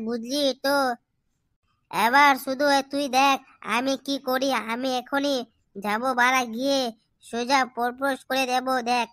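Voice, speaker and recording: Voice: high-pitched, no room sound. A performer voicing a cocky, swearing young lad. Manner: swaggering, foul-mouthed, shouty. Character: cocky hot-headed young man. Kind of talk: comedy cartoon dub.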